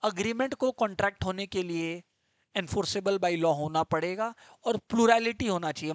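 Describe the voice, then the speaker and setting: Brief: high-voiced male teacher, lively and quizzing, close dry mic, live class. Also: dry recording. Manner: energetic, repeats points, quizzes students. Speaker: commerce teacher. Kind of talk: live online law lecture.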